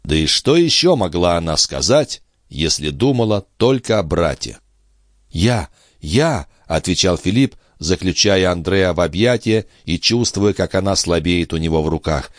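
A man narrates a novel as an audiobook in a measured, expressive way. His intonation moves lively up and down. The recording is dry and close. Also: low voice, no room sound.

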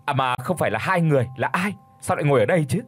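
A man voicing a frantic middle-aged father who pleads and shouts in a hurry, with a husky voice. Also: fairly high pitch, animated. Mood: furious. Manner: desperate, shouting, hurried.

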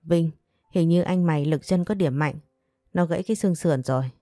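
A woman's voice: low voice, brisk, warm tone, no echo, studio quality, close to an everyday voice. A woman reading a brash, mocking older brother. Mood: smug. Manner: taunting, scolding.

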